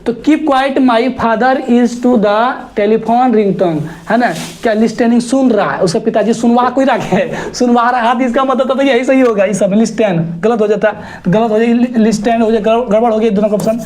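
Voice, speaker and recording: This is a male teacher, working through an exam-prep grammar lesson. He talks in a lively, teasing way and throws rhetorical questions that scold his students. He also spells words out letter by letter. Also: very high-pitched, fairly quick.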